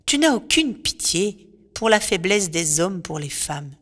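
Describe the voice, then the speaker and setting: A woman voicing a young male messenger god who speaks gently and gives counsel, in a reverberant storybook recording with faint music behind. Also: fairly low pitch, sing-song, measured pace, full character voice. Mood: gentle counsel.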